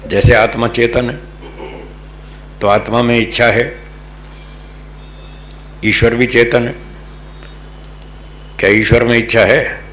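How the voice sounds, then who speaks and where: A man from North India teaching a patient, slow scripture lesson to a live group, often checking that they follow. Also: medium pitch, flat delivery, a bit bright. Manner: patient, checks understanding with the audience. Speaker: religious teacher. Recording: echoey room, faint hum.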